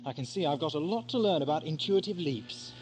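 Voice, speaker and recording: An actor with a British accent playing an eccentric, wry time-travelling Doctor in an audio drama, with theatrical phrasing. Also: male voice, on the high side, animated, a little fast, noisy background, close to an everyday voice. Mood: earnest, urgent. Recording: lo-fi 1980s amateur audio drama, music behind.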